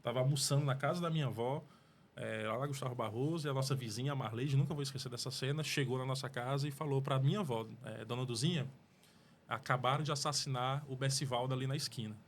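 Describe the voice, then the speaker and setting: A man's voice: mid-range voice, quick pace, a little hiss or hum. A man with a Cearense accent, a political guest in a studio interview, talking earnestly and rambling with restarts. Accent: Cearense Portuguese. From Fortaleza, Brazil. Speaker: mayoral pre-candidate guest. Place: podcast studio.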